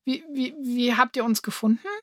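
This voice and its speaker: A woman's voice: on the high side, measured pace, a bit bright, dry recording, studio quality. A woman voicing a shy, thoughtful schoolboy who talks hesitantly. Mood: startled. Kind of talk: audiobook reading.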